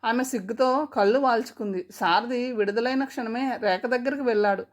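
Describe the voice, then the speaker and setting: A woman's voice: fairly high pitch, a little fast. A woman narrating a story aloud and reading every character's lines herself, with small changes of voice. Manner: reads every character in her own voice, with small shifts.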